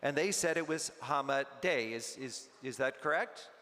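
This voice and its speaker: A man serving as emcee at a luncheon, making chatty, unhurried announcements with some halting restarts. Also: medium pitch, bright, forceful tone. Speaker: event emcee. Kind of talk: event hosting announcements. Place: luncheon banquet hall. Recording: long hall reverb, faint noise.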